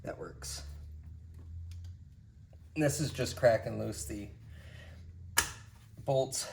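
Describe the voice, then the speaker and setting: Gravelly man talking through a car repair. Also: expressive, drawn-out words, noisy background. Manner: low-key, plain explaining while working. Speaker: DIY car repair presenter. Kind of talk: casual how-to walkthrough. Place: working on a car engine bay.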